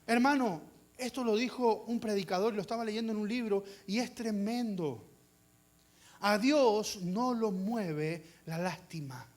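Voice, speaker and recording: Very high-voiced impassioned male preacher. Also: measured pace. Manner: impassioned, acts out voices, rhetorical questions. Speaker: pastor. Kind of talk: sermon.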